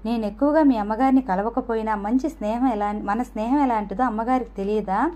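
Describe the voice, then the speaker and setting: A woman voicing a proud, quiet young woman who answers softly and dryly. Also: fairly high pitch, a little fast, close to an everyday voice. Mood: cool. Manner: soft, dry.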